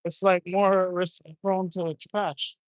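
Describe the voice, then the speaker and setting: A man's voice: high-pitched, level tone, takes it slowly, dry recording, studio quality. A man from France, chatting casually and bluntly, swearing now and then. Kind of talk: casual chat.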